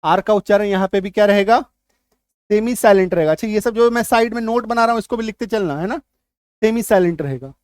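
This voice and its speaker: A man's voice: high voice, quick pace, darkish tone, clean tone, no room sound, studio quality. Man teaching spelling. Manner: repeats key points as questions and answers them; checks understanding often. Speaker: English teacher. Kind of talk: whiteboard spelling lesson. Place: classroom at a whiteboard.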